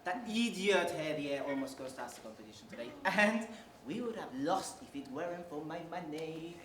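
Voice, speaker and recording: A man's voice: a little high, expressive, moderate pace, a bit bright. A young man acting a scheming, vengeful royal advisor in a student stage play, theatrical and gloating. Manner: theatrical, swings from gloating to sighing. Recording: echoey hall, far mic, some noise.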